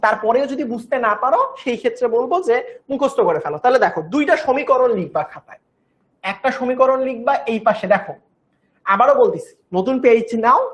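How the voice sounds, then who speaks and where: A woman's voice: fairly high pitch, animated, a little fast. A young woman giving an online chemistry class, patiently repeating each step and coaxing her students along. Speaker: chemistry teacher.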